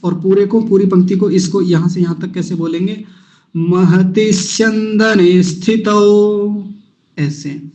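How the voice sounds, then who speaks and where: A man's voice: high-pitched, steady tone, mellow, low-quality recording. A man teaching Sanskrit verse recitation in an online class, breaking words into syllables patiently and having students repeat after him. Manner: patient, slow, syllable-by-syllable pronunciation drills.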